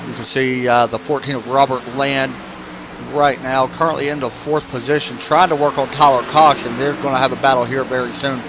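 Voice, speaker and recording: A man's voice: mid-range voice, steady tone, a little fast. Laid-back man calling a sim race. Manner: laid-back, joking, talks while chewing. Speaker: race commentator and stream host. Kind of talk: casual sim-racing commentary. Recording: clear background noise.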